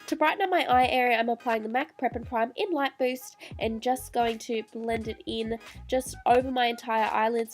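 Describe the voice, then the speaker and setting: A woman talks through a makeup tutorial, her voice nasal and stuffed up from a cold. Her voice sits a little high, and she keeps up a chatty flow with apologetic asides. Soft music plays faintly underneath. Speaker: beauty vlogger.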